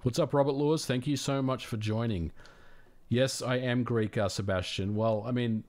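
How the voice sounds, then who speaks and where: At a moderate pace and in a medium-pitched voice, a livestream host with an Australian accent works through viewer questions. His manner is easygoing and friendly, and he often uses fillers and restarts himself.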